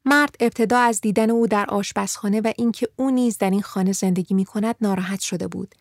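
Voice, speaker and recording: Brief: woman storyteller, calm and measured, gravelly texture, dry close sound. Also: medium pitch, no echo. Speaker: narrator. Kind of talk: scripted story narration.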